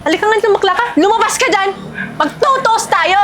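Very high-voiced furious wife. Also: female voice, lively intonation, brisk, heavy background noise. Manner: loud, accusing, theatrical shouting. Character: furious wife confronting a suspected mistress. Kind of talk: short film acting.

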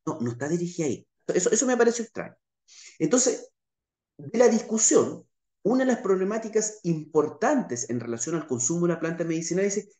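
A middle-aged Chilean naturopath with a high, darkish voice and a Chilean Spanish accent gives an online slide talk. He explains step by step, checks in with listeners, and gestures with his hands. He is on a webcam video call in a small, echoey indoor room with a plain wall behind him.

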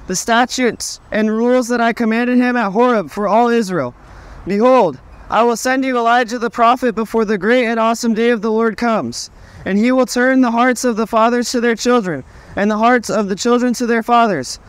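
A man's voice: very high-pitched, smooth. A young man with a Southern US accent preaching outdoors, reading scripture steadily and then explaining it plainly. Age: young adult. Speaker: street preacher. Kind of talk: open-air street preaching and scripture reading. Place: outdoors on a town street.

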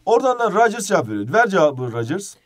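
Male teacher, quick and animated, wide pitch swings, bantering on a live lesson stream. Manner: lively, joking, mixes Turkish and English. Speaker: English teacher. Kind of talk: live exam-prep lesson.

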